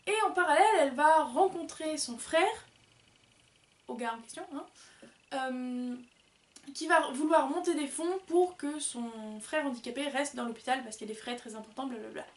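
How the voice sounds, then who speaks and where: A woman's voice: sits high, moderate pace, roomy sound, far from the mic. A woman chatting casually and rambling as she reviews books, with many fillers. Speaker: book vlogger. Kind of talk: casual book review chat.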